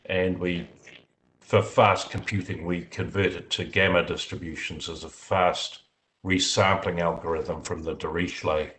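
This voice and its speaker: Low-pitched man, measured technical explainer on a video call; careful, filler-heavy. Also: fairly even intonation, a bit bright, slight background noise, low-quality recording. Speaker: software developer answering committee questions. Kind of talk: technical discussion in a video meeting.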